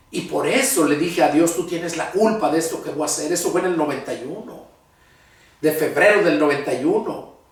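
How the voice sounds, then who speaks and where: Earnest older Mexican preacher in a booming echo. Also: male voice. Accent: Mexican Spanish. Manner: earnest, heartfelt storytelling. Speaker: pastor. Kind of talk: personal testimony sermon. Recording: very echoey room, voice far from mic.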